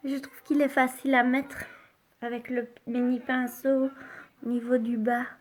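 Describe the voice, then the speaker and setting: A woman with a high voice and level tone hosts a casual live makeup demonstration, talking slowly and chattily. She's unhurried and fills her speech with small interjections like "hein" and "hop," occasionally dropping into soft, near-whispered asides while applying the product.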